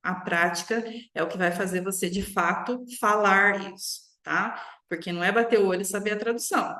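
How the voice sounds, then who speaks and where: A woman's voice: mid-range voice, steady tone, pushed and bright. Echoey Brazilian woman teaching pronunciation. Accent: Brazilian Portuguese. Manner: slow, drawn-out model phrases followed by quick explanations, frequent "tá?". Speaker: English teacher. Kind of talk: online English pronunciation lesson.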